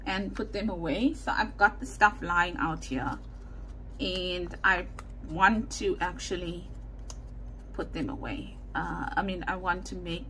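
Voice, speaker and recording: A South African woman with a South African Indian English accent chats casually through a crafting video at her desk, filmed from overhead with only her hands in frame. Her fairly low, unhurried voice sounds pushed and bright over poor audio with a little hiss or hum, and she rambles, corrects herself and mutters asides.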